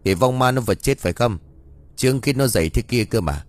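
A man's voice: mid-range voice, animated, a little fast, no room sound, lightly acted. A man voicing a grumpy, bossy older village sorcerer who scolds bluntly, in a read-aloud story.

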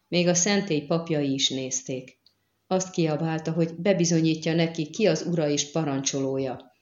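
A woman narrating an audiobook in a measured, even storytelling manner. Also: low voice, reverberant, lo-fi sound.

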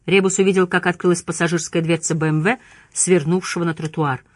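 A woman narrating an audiobook in a steady storytelling manner. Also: on the low side, fairly quick, no room sound, studio quality.

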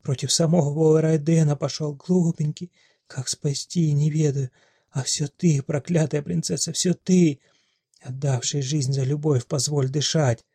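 A man's voice: mid-range voice, steady tone, brisk, dark tone, no echo, clean studio sound, natural voice. A male audiobook reader voicing an ancient hysterical witch who shrieks curses and wails prophecies. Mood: wailing lament. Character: ancient wailing female witch, gone hysterical.

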